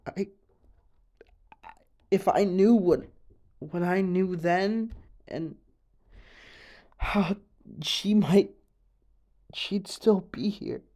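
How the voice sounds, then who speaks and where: This man performs a grieving young man's confession in audio roleplay, his voice on the high side with a darkish tone and a full character voice. Stammering and trailing off, he haltingly tells an unbelievable story, sounding grieving and anguished.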